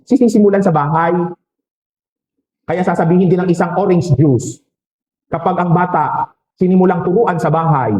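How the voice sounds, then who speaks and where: Filipino priest giving a sermon, high voice, echoey church, joking around with the crowd. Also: male voice, dull audio, slight background noise. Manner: preaching with rhetorical questions and quick jokes.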